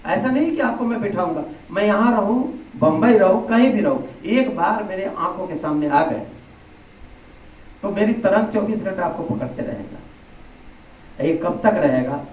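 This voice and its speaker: A man's voice: sits high, lively intonation, unhurried, a little mellow. A man giving a spiritual sermon to a gathering over a microphone. He explains with plain everyday comparisons and repeats phrases for emphasis. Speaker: spiritual teacher. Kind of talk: satsang sermon. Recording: echoey hall, speaker heard from a distance.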